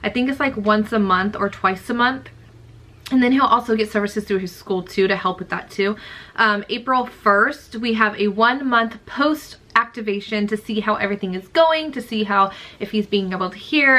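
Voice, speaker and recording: A woman's voice: medium pitch, moderate pace. A young woman vlogging to camera in a casual, chatty way, with lots of fillers as she walks through upcoming appointments. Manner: chatty, excitable, many fillers. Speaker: vlogger, mother. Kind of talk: casual vlog talk to camera.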